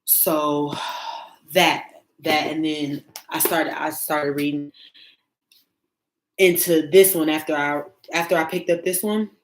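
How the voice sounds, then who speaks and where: Woman, 30, low voice, tarot reader, casual vlog chat, halting, many restarts. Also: fairly even intonation, a little hiss or hum, poor audio.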